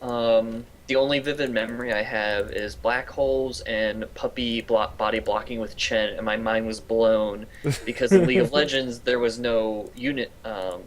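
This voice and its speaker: A man's voice: mid-range voice, steady tone, normal speed. A young man casting an esports match, talking casually with fillers and easy laughs. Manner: chatty, laughs easily, trails off with fillers. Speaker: esports caster. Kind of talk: casual game commentary.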